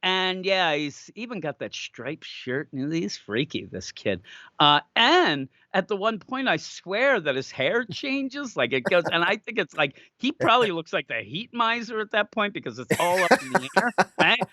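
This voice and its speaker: A man co-hosting a casual comic book review chat, animated and acting out character lines in quick voices. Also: high-pitched, no echo, studio quality. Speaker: comic book podcast co-host.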